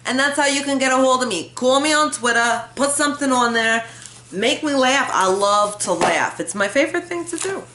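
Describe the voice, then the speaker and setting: A woman vlogger talks casually to her camera in a room at home, rambling, poking fun at herself and laughing a lot. Her voice sits high with lively intonation at a moderate pace. The built-in camera mic catches an echoey room and some background noise.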